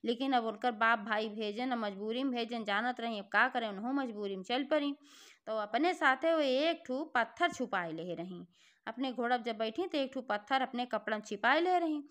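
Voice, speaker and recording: A woman telling a devotional folk tale in a chatty, homely way, with a Bhojpuri-inflected accent. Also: on the high side. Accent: Bhojpuri-inflected Hindi. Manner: chatty, homely narration with filler address words. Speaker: storyteller.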